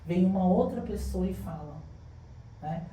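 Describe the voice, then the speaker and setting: A woman's voice: on the low side, unhurried, a little hiss or hum. A woman, a school director telling stories in a casual podcast chat and acting out the dialogue. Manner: animated, acts out dialogue in her stories. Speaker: guest, public school director. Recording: echoey room, distant mic.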